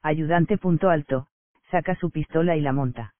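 Un hombre que lee en voz alta una obra de teatro, incluidas las acotaciones, con tono llano y parejo. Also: male voice, fairly high pitch, normal speed, no echo. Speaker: audiobook narrator. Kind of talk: reading a stage play aloud. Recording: dry, tinny phone-like sound.

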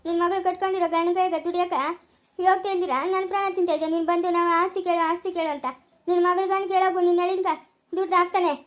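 A woman playing a quarrelsome, sharp-tongued village woman in a rural family drama. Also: very high voice, level tone, fast. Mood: scolding.

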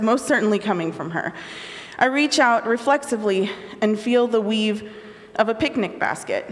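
A woman's voice: mid-range voice, in a large hall. A woman author reading an excerpt from her novel, with a laughing, self-deprecating manner. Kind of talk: reading fiction aloud.

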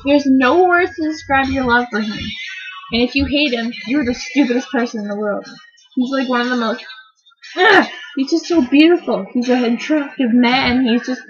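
Gushing high-voiced teenage girl. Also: moderate pace, dull audio. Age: teens. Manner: gushing, rambling and excitable. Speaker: vlogger. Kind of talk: casual vlog rant.

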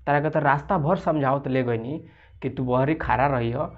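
A man's voice: mid-range voice, normal speed, lo-fi sound, close to an everyday voice. A man with a Bhojpuri accent playing a sulky, complaining village friend in a comedy sketch. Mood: grumbling. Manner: complaining, sarcastic.

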